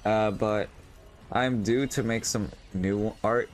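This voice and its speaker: A man's voice: lowish voice, fairly even intonation, slow pace, soft background music. A young man vlogging in a casual, rambling way, full of fillers and restarts, with a voice he says feels strained. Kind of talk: casual monologue over gameplay.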